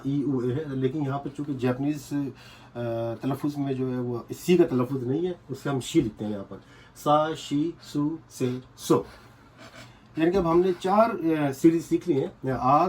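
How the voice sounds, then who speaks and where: A man's voice: fairly high pitch, a little mellow. A man teaching a casual whiteboard lesson, patiently repeating points and checking that students follow. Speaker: language teacher.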